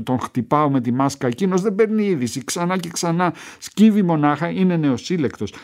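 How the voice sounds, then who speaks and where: Guy narrating an audiobook, first person, tense and measured, mid pitch. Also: a little mellow.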